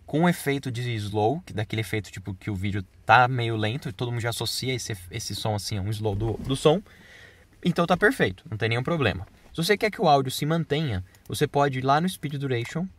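A man's voice: mid-range voice, expressive, fast. A man explaining video editing step by step in a casual screen-recorded tutorial.

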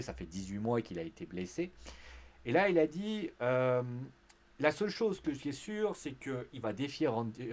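A man of middle pitch hosting a casual wrestling recap. He talks in a chatty, animated way, with blunt slang and crude asides. Now and then he pushes into a louder, higher voice to act out a quote. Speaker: host of a wrestling recap show. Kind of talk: casual spoken commentary.

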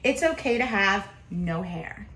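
With a mid-range, fairly bright voice and lively intonation, a woman in her thirties reads a picture book to young children at a measured pace. She's expressive and adds simple asides to explain things. The echoey home kitchen gives the recording a roomy feel.

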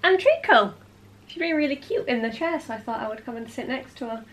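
Talking a little fast in a fairly high, expressive, slightly bright voice, this late-20s vlogger is stuffed up with a cold. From her small, cluttered home room she chats casually, tossing in playful asides and saying "like" constantly.

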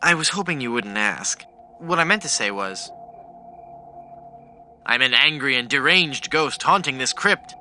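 A man's voice: mid-range voice, animated, a little slow, long pauses, bright, forceful tone, faint music behind. A man playing a boyish, hapless, wisecracking young adventurer in a cartoon adventure game, speaking in an earnest, wry, exclamatory way. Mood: sheepish scheming.

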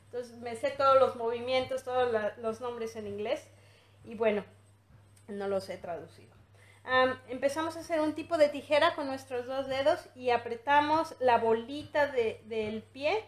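A woman with a high voice calmly walks through baby massage moves, pausing on fillers and restarting her phrases. Her voice rings a little in an echoey indoor room. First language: English-teaching background, usually teaches in English. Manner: gentle, explanatory, with many fillers and restarts. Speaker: infant massage instructor. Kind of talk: demonstration tutorial.

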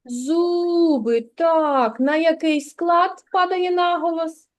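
Slow, patient woman kindergarten teacher. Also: a little high, animated, a little mellow, low-quality recording. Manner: patient, coaching, sounds out syllables slowly. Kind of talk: literacy lesson with a child. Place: kindergarten classroom.

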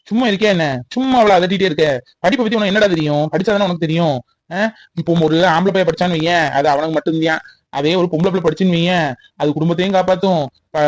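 A man's voice: fairly high pitch, no echo, natural voice. A man voicing a protective young brother in a cartoon who firmly defends his sister. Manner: firm, defending.

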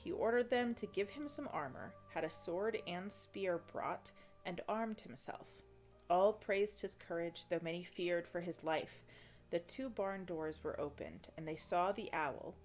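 A woman streamer reading an old fairy tale aloud with expressive, dramatic delivery and joking asides. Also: lowish voice, moderate pace, faint music behind.

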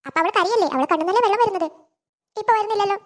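A woman voicing a shrill scheming mother. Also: very fast. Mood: taunting. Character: scheming sharp-tongued young mother. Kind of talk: animated cartoon voice acting.

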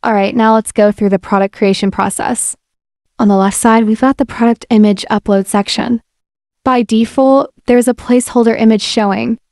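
A software demo presenter with a slightly high voice speaks at a normal speed, walking viewers through an app in a casual, friendly voice-over. Each step gets a relaxed explanation in this screen-recorded walkthrough. Recorded on a voice-over mic, the audio is dry and studio quality.

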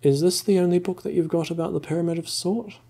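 A man voicing a sly, scheming male scholar in a soft whispered role-play with a gravelly, husky voice. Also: fairly high pitch, fairly even intonation, quick pace, voice pushed up. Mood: coaxing.

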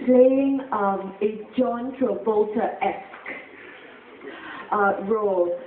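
A woman's voice: medium pitch, a little hiss or hum. Woman host keeping a talk moving with eager questions; thin, echoey sound from a distance. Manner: lively, prompting questions. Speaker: event host. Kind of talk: hosting a public talk. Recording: tinny, echoey, from far off.

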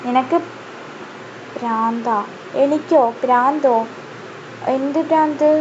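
Woman streamer, high voice, slow, loud teasing banter, noisy stream audio. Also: lo-fi sound. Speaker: game streamer. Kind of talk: casual live-stream chat.

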